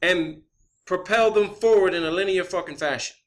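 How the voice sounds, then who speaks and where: A high-pitched man speaking at normal speed presents his own theories in a video, ranting and explaining informally on his own. He swears openly, repeats phrases to drive points home, and regularly says "okay" and "all right."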